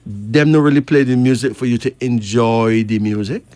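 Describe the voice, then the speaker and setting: A man's voice: medium pitch, moderate pace, darkish tone, dry recording, soft background music. A man from Barbados, chatting and reading cards, emphatic with rising questions. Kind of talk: casual chat and card reading.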